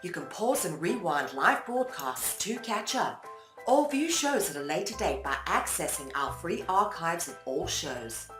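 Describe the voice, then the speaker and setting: Lively woman announcer over music. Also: lowish voice, unhurried, reverberant. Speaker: network announcer. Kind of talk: scripted announcement.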